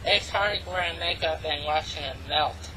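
A vlogger talking through an online voice changer that pitch-shifts the voice to sound female, rambling casually with many ums and restarts. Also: sharp tone, a little hiss or hum, low-quality recording. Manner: halting, full of ums and restarts. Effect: pitch-shifted voice changer, meant to sound female. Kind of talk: casual rambling vlog monologue. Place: home, hot climate.

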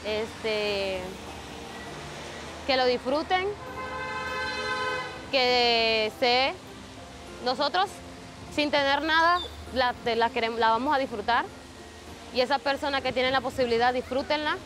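A young Venezuelan woman, a migrant mother, speaking plainly and with feeling in a halting street interview in an outdoor shelter. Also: sits high, music in the background.

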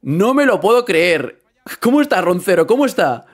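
Excitable man reacting to football. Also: high-pitched, moderate pace. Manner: excitable, swearing, repeats phrases. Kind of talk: live reaction commentary.

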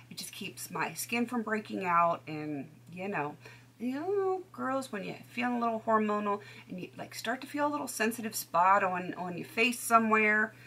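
A woman chatting casually as she reviews used-up beauty products, chatty and self-deprecating, with soft asides. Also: mid-range voice. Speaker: beauty vlogger.

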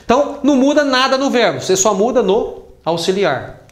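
A man's voice: very high voice, big pitch swings, a little fast. A man with a Brazilian Portuguese accent teaching an English grammar lesson, patiently repeating points with examples. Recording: roomy echo.

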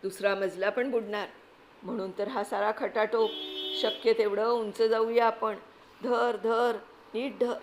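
A woman's voice: a little high, steady tone, unhurried, slight background noise. A woman voicing a plucky, resourceful boy in a storybook reading, eager and urgent as he gives orders.

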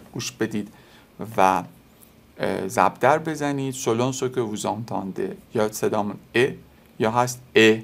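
A man whose first language is Persian teaches French casually, explaining in Persian and repeating French words slowly. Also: mid-range voice, gravelly.

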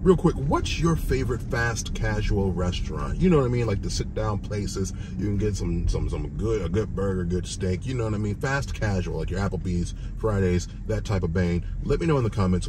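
A man's voice: low voice, brisk, few pauses. A man in his thirties with a lisp and slushy s sounds gives a casual, joking, sweary food review. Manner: animated, joking, profane. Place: inside a car, driving and parked. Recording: car interior with road noise. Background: vehicle noise.

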